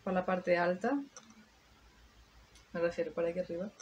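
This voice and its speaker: A woman's voice: fairly low pitch, fairly even intonation, moderate pace, a little mellow, muffled recording, slight background noise. A woman talking viewers through a makeup tutorial in a chatty way, thinking aloud as she works. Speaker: beauty vlogger. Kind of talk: casual makeup tutorial chat.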